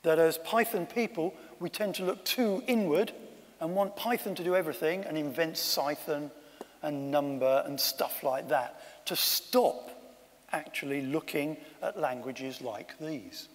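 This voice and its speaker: Male conference speaker, fairly high voice, dry humour, long hall reverb. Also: a little slow. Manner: wry, self-deprecating asides. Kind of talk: conference talk. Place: conference room.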